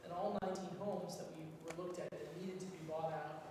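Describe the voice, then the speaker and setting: A man chairing the committee items at a city council meeting, brisk, with a dry, joking manner. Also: a little high, fairly even intonation. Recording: echoey council chamber, distant mic, noisy.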